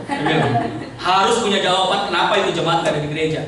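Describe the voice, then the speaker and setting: A man with an Indonesian accent preaching a lively, joking sermon and calling out to the congregation. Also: high-pitched, quick pace, a little hiss or hum. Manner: jokey, animated, calls out to the congregation. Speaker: pastor. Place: church hall. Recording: echoey church hall, mic at a distance.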